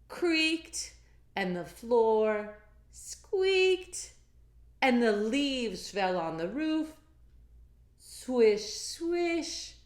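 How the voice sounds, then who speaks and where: Reading a picture book to children, a woman with a medium-pitched voice uses drawn-out, encouraging sing-song phrasing. She turns aside to talk with her young audience, and the recording sounds roomy.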